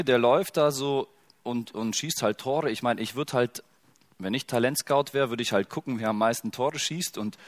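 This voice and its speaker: A middle-aged male pastor giving a sermon in an easygoing, conversational manner. He jokes now and then and keeps putting direct questions to the congregation. His voice sits at an ordinary middle pitch. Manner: conversational, asks the listeners many questions; casual and joking.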